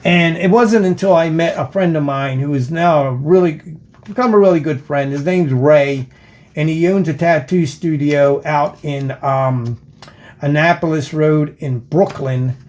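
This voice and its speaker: An older American man talking in a casual, rambling vlog, halting and meandering, with slurred, lisped F and S sounds from missing teeth. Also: fairly high pitch, darkish tone. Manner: halting, meandering, circles back. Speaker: video channel host, former police officer.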